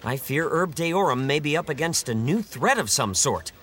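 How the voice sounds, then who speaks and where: A man's voice: a little high, expressive, moderate pace, a bit bright, slight background noise. A man playing a stiff, earnest coworker.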